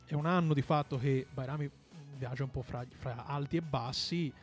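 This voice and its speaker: A man's voice: medium pitch, moderate pace, soft background music. A man co-hosting a football discussion, analysing conversationally and often searching for words and repeating himself. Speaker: football pundit and co-host. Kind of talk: conversational match commentary and analysis.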